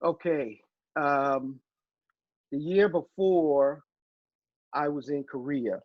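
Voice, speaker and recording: Halting retired army man, muffled sound. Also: a little high, no echo. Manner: halting, many fillers and restarts. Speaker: guest, retired army officer. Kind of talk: casual interview storytelling.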